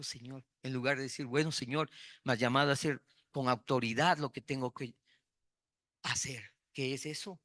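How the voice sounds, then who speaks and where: A man's voice: mid-range voice, fairly bright tone, no room sound, studio quality. A man preaching a sermon, repeating key words for emphasis and telling personal stories.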